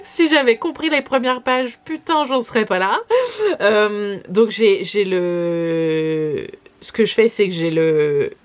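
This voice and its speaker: A woman's voice: medium pitch, darkish tone. Rambling French woman vlogging. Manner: rambling, self-correcting, lots of fillers. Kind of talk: casual chat. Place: home in New York.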